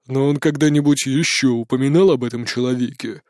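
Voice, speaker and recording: A man reading an audiobook, voicing a stern male investigator who asks slow, pressing questions. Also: medium pitch, steady tone, a little mellow, no echo, studio quality, pitched below the performer's own voice, natural voice. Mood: probing.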